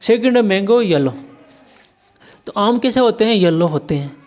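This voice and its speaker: An Indian teacher leads an exam paper walkthrough, spelling words letter by letter and replying to their own questions. Their mid-range, darkish voice has lively intonation and a normal speed.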